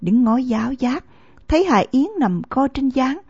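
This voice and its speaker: Woman, audiobook narrator, measured storytelling, mellow husky voice, muffled dry sound. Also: high voice, lively intonation, no echo. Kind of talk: scripted novel narration. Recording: dull lo-fi dry recording.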